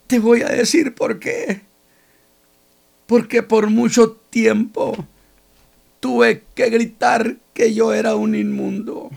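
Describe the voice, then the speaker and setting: A preacher acting out a healed male leper who shouts his joy and repeats himself. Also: medium pitch, vocal fry, voice pushed down, full character voice. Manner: exultant, shouting, repeating phrases.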